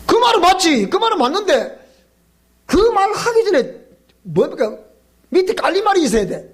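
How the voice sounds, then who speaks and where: A man's voice: very high voice, big pitch swings, normal speed. A male pastor with a Gyeongsang accent, preaching in a joking way, quizzing the congregation and laughing often. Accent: Gyeongsang Korean. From South Gyeongsang, Korea. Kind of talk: sermon at a weeknight Bible school. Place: church.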